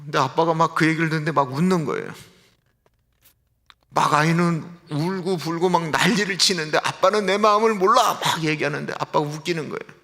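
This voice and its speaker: A man's voice: on the high side, pushed and bright. A male pastor giving an early-morning sermon in a conversational way, asking the congregation rhetorical questions. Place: church sanctuary. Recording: livestream in a reverberant church hall.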